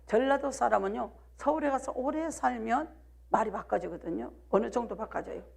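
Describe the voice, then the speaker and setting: Here a female pastor from South Jeolla, Korea, preaches a live midweek sermon in her Jeolla accent, hammering the congregation with rhetorical questions and "do you believe?" Her voice is fairly high and gravelly with a darkish tone, at normal speed.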